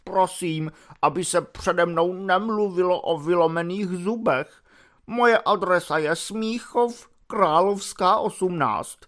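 A man doing a high, tragic invalid lieutenant. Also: fairly bright tone. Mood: tragic, weary. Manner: tragic, faint and drawn-out. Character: ailing, self-pitying male lieutenant, former teacher.

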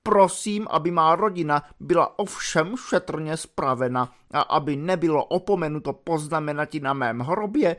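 A man voicing a sickly, self-pitying lieutenant who was once a teacher, speaking in a tragic, faint and drawn-out way. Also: a little high, expressive, fairly bright tone. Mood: tragic, weary.

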